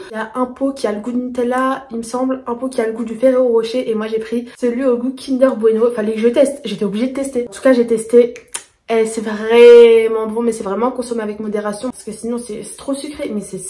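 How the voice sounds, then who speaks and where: A young woman speaks in a bright, somewhat high voice, chatting eagerly and casually to her audience as a vlogger. She talks straight to her viewers with easy enthusiasm. The room around her has a noticeable echo. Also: steady tone, fast talker. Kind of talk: casual haul chat to camera. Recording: echoey room.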